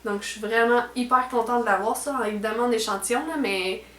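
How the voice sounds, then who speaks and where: Her voice a bit high and her pace brisk, a young beauty vlogger with a Quebec French accent rambles chattily through a casual beauty unboxing at home. Her sentences are packed with fillers, small hesitations and trailing "là" tags. The audio echoes around the indoor room.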